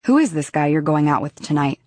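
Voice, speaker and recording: A woman voicing a protective, blunt young man in an audiobook, speaking quietly and low. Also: sing-song, a little fast, no room sound. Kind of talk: audiobook character dialogue.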